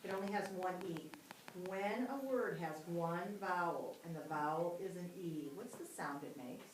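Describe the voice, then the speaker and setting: A woman teacher runs a phonics lesson, patiently prompting children and asking them questions. Her voice sits a little low and is picked up from a distance in a roomy classroom. A steady hiss of noise runs under the recording. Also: moderate pace.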